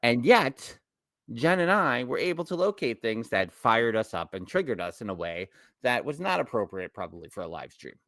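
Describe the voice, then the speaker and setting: A man's voice: mid-range voice, big pitch swings, normal speed, a bit bright, no room sound. A middle-aged man with a New York accent, co-hosting a casual podcast chat and telling rambling stories that often restart mid-sentence. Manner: rambling, self-correcting storyteller. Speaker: podcast co-host.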